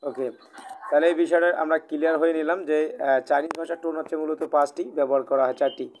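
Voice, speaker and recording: A man's voice: fairly high pitch, steady tone, fast talker, a little mellow, slight background noise. A man with a Bangladeshi Bengali accent teaching Chinese in a live online class, patient, repeating and rephrasing himself with many "ah" fillers. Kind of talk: live online language class, oral exam.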